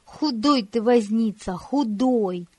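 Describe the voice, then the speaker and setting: A woman voicing a spoiled, proud noble boy from an old storybook, who barks orders and flares up quickly. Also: on the high side, breathy edge, dry recording. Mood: angry. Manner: bossy, shouting commands.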